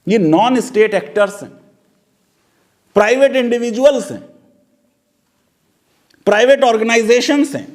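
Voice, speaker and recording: Male legal commentator, high-pitched, sarcastic and full of rhetorical questions. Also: animated, a little slow, pauses often, a little mellow.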